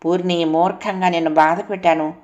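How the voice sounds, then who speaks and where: A woman's voice: on the low side, fairly even intonation, brisk, a little mellow, muffled recording, lightly acted. A woman voicing a remorseful young husband who speaks in a pleading, tender way.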